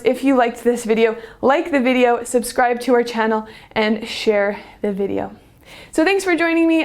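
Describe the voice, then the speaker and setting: Fitness instructor, woman, high voice, upbeat cueing, winded from exercising. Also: darkish tone. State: out of breath. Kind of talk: workout demonstration.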